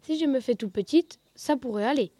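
A woman voicing a tiny, timid female mouse in a storybook, squeaking and pleading. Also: a little fast, warm tone, no echo.

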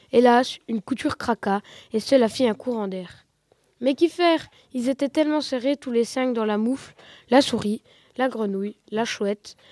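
A woman reads a children's tale aloud with expressive, lively storytelling. Her voice sits fairly high, and the recording is close and dry with no room echo. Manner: expressive, lively read-aloud with rising excitement.

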